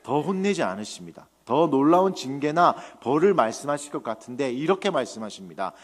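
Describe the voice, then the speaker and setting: A man's voice: mid-range voice, big pitch swings, fairly quick, big-room sound. A man preaching a sermon as a trainee pastor, joking with the congregation and asking rhetorical questions.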